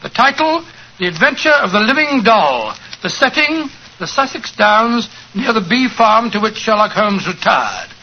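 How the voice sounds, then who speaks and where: A man's voice: high-pitched, big pitch swings, moderate pace. A man playing a genial elderly British doctor in a 1940s radio drama, fussy, courtly and given to repeating himself. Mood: avuncular, storytelling. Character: genial, avuncular elderly English doctor telling stories. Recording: muffled, noisy 1940s radio recording.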